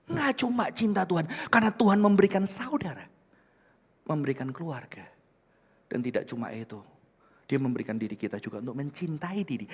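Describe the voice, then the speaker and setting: A man preaching a sermon to his congregation in a church, swinging from loud impassioned peaks down to hushed whispers. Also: mid-range voice, husky. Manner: addresses the congregation repeatedly as brothers and sisters. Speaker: pastor. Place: large church hall. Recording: reverberant church hall.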